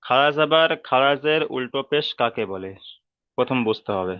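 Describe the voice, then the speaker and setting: Patient man teaching with slow repetition. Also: medium pitch, expressive, clean tone, no room sound, dull audio. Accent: Bengali. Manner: patient, repeats each term and spells sounds out slowly. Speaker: Quran reading teacher. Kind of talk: slow step-by-step lesson.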